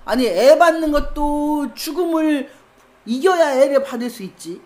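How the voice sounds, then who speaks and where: A woman preacher delivering a sermon with animated storytelling, acting out scenes as she goes. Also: sits high, unhurried.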